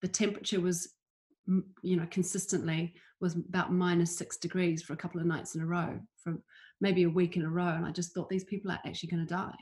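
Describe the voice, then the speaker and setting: A woman's voice: on the low side, little pitch movement, quick pace, a little mellow. A woman from New Zealand, a campaigner against homelessness, answering interview questions in an earnest, emphatic way.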